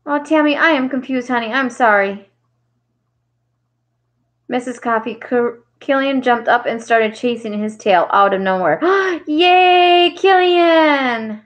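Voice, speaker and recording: A woman's voice: on the high side, measured pace, fairly bright tone. A woman hosting a casual crafting livestream, chatting with viewers and reading their comments aloud with frequent laughs.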